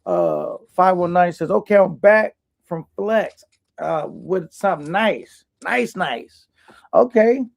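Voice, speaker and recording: A man's voice: sits high, sing-song, takes it slowly, gravelly. A man co-hosting a livestream over headset audio, laid-back and rambling, reading viewer comments aloud. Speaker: livestream co-host reading chat. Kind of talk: casual livestream talk.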